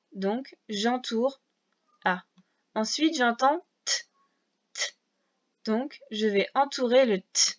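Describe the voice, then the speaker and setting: A woman teaching a reading lesson to young children, patiently sounding out syllables and letters one by one. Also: fairly high pitch. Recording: dull lo-fi sound.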